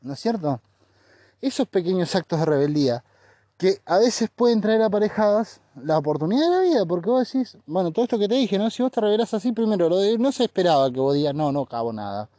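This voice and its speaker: Joking Rioplatense man, mellow dry voice. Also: sits high, sing-song, fast talker, no echo. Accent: Rioplatense Spanish. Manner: rambling, joking, acts out quotes. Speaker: podcast host. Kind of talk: casual monologue.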